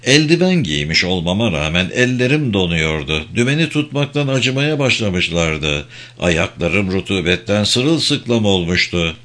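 A man narrating a novel as an audiobook, in a measured, expressive storytelling manner. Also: low voice.

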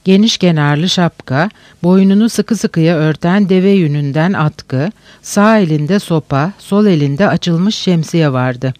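A man reads a novel aloud in slow, measured narration. His voice sits high, and the recording is close and dry with no room sound. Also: a little mellow, no room sound. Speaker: audiobook narrator.

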